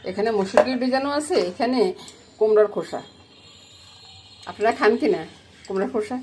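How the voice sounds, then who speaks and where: Over loud music, a middle-aged woman from Bangladesh talks briskly in a slightly high voice, her Noakhali Bengali accent clear as she vlogs from her home kitchen. Chatty and casual, she repeatedly asks viewers "you get it?" while frying and sizzling noise dominates the background.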